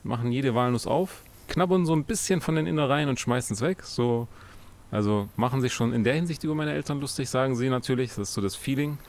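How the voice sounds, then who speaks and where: A man's voice: mid-range voice, quick pace. A young man in casual conversation, telling a story and quoting his parents' lines back and forth. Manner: animated anecdote, quotes his parents in dialogue. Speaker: podcast co-host.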